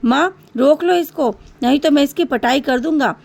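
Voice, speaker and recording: A woman's voice: high voice, normal speed, vocal fry, darkish tone. A woman voicing a whiny, quarrelsome boy who complains as an older brother in a spoken story. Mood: angry. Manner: complaining, wailing.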